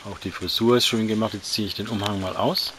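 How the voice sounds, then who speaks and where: A man casually reviewing action figures, talking in a relaxed, slightly halting way while he handles them. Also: on the low side, noisy background.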